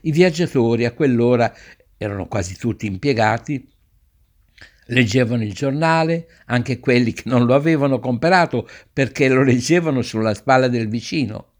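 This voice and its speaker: A man reads a story aloud with expressive, theatrical phrasing, stretching some lines slow and dropping others soft. His voice sits at an ordinary middle pitch, steady and clear in tone. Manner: expressive, varies pace for effect. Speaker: narrator.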